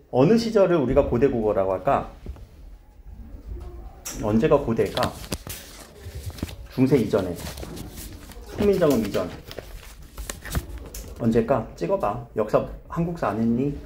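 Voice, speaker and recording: A man teaching a high school grammar lesson, asking his students questions, coaxing answers and repeating key terms. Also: mellow, a little hiss or hum.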